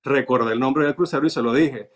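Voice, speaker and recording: A man's voice: mid-range voice, a little fast. A man from Venezuela, recounting events step by step in casual conversation. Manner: recounts events step by step, reading notes aloud. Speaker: interview guest. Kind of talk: casual storytelling.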